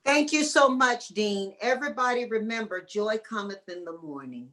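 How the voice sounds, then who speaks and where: A woman's voice: mid-range voice, lively intonation, normal speed, a bit bright. A woman giving an earnest motivational talk as a guest speaker, speaking with a preacher-like emphasis over a video call. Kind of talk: motivational speech.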